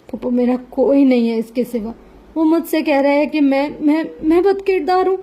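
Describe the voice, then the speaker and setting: A woman's voice: high voice, steady tone, warm tone, pitched above the performer's own voice, close to an everyday voice. A woman voicing a terrified young wife who cries and stammers as she pleads. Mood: sobbing plea. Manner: stammering through sobs. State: crying.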